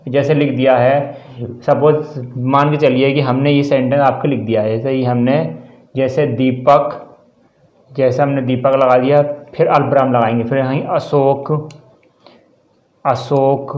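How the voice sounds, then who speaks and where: A man's voice: mid-range voice, darkish tone, dull audio. A man teaching a grammar lesson step by step, spelling out words letter by letter and checking in often. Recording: echoey room.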